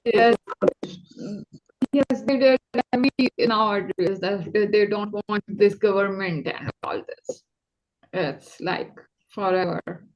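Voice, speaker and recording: A woman from Pakistan, speaking as an interview guest over a choppy conference-call line on mobile data, hesitant and full of pauses and fillers. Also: mid-range voice, poor audio. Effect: choppy conference-call audio over mobile data. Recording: patchy internet call from afar.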